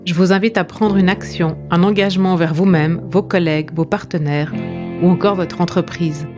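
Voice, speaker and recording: A woman's voice: fairly low pitch, fairly even intonation, normal speed, over music. A woman, a podcast host and communication coach, reading a scripted poetic monologue in an intimate, questioning tone that speaks straight to the listener.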